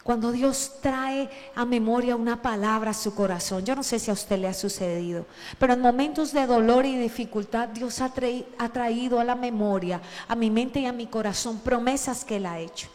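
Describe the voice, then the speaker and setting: A woman preacher giving a lively sermon, acting out the shouts of the Bible story as she retells it. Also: a little high, moderate pace, in a large hall. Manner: animated, acts out shouted Bible quotes.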